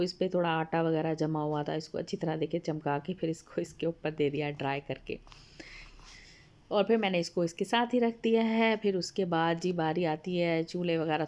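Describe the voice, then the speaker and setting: Woman, home vlogger voice-over, slightly hoarse, low, flat and mellow, homely and polite. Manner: chatty and homely, addresses viewers politely. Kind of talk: casual voice-over narration of a home video. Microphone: voice-over recorded apart from the video.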